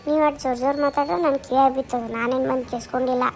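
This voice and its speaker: A woman's voice: high voice, fairly even intonation, very fast, darkish tone. A woman playing a worried middle-aged mother in a comedy skit, with a North Karnataka Kannada accent, lecturing and nagging. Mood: scolding. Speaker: skit actor.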